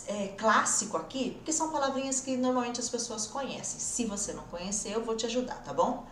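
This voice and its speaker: Woman, Brazilian Portuguese accent, encouraging teacher, somewhat high voice, faint background noise. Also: roomy sound, far from the mic. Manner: encouraging, talks straight to the viewer, acts out students' doubts. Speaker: English teacher. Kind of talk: casual online lesson. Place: room where she must keep her voice down.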